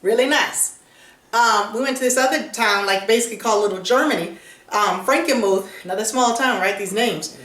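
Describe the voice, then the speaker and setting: A woman's voice: a little high, brisk, fairly bright tone. A woman hosting a vlog, chatting in a casual, upbeat way with lots of fillers. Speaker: vlog host. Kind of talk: casual chat. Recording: roomy echo, mic at a distance.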